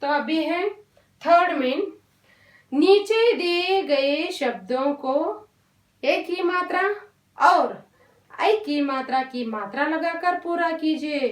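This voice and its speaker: A woman teaching a Hindi lesson to young children, talking slowly and patiently, drawing out syllables and mixing in English words. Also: high-pitched, recorded from a distance. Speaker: primary school Hindi teacher. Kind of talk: online classroom lesson. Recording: roomy echo, voice off-mic.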